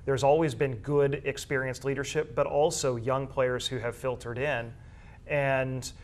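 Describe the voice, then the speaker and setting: A man talks through high school sports as a commentator would in a relaxed discussion. His voice sits at an average pitch. He unfolds long, measured explanations with small hesitations along the way.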